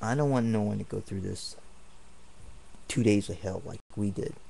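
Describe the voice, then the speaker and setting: Filming at home in his apartment, a male vlogger rambles through an indignant, lengthy rant, going over the same points again. His fairly low voice is warm and creaky, moving at a moderate pace.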